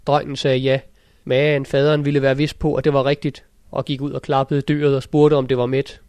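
Male narrator for a fairy-tale audiobook: mid-pitched, steady, very level intonation. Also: dry recording. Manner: steady, measured storytelling. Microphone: close studio mic.

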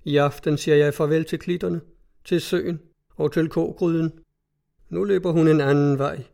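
A man voicing a grieving, weary old villager who speaks slowly and heavily. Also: on the high side, steady tone, creaky, mellow. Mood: sorrowful. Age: older.

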